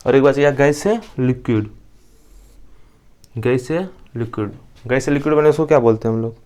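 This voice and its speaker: A young man from India gives a science lesson at a middle pitch. He asks the class a question, waits a moment, then answers it himself. He says each key term twice so the students can write it down. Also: moderate pace, a little mellow. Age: young adult. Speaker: teacher. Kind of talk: classroom lecture.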